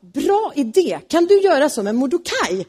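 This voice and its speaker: A woman's voice: sits high, sing-song, a little mellow, voice pushed up. A woman doing a forgetful easygoing king. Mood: casual.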